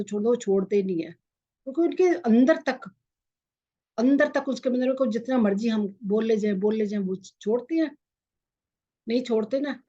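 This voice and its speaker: A woman leads a spiritual talk for a meditation group in a mellow, slightly breathy voice. She speaks haltingly, repeats herself and fills the gaps with hesitation sounds. The recording is dull and lo-fi. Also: on the high side. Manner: repetitive, halting, with many fillers. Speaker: meditation teacher.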